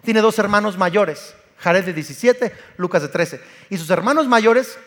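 A man, preaching a sermon with passion and acting out stories, his voice climbing to shouts. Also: high-pitched, unhurried, long reverb tail. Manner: passionate, acts out Bible scenes and family anecdotes, rising to shouts. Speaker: pastor. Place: church hall.

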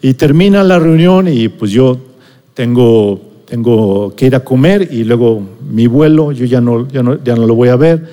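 Speaking at a measured pace in a medium-pitched, mellow voice, a middle-aged preacher with a Mexican accent tells a personal story as his sermon, casually checking in with the audience. He is in a large hall.

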